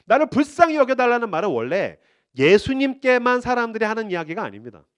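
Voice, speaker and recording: A man's voice: very high voice, very animated, fast talker, clear, resonant tone. A male pastor preaching a sermon in an emphatic way, repeating phrases for force. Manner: emphatic, acts out quotes.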